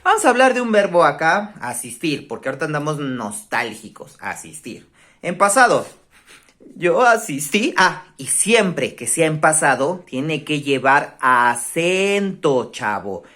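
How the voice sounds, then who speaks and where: A Mexican woman teacher speaks in a low register, yet her pitch leaps and dips with constant animation. She explains step by step and keeps checking that the class is with her. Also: big pitch swings, unhurried, fairly bright tone. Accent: Mexican Spanish. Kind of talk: online class lesson on grammar.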